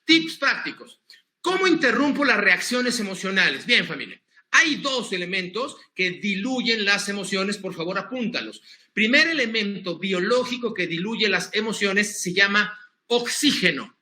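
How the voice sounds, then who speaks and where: Energetic male speaker coaching an audience, high and tense, roomy echo. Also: normal speed. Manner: energetic, coaching the audience through breathing exercises. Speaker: motivational speaker. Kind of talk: conference talk on emotions.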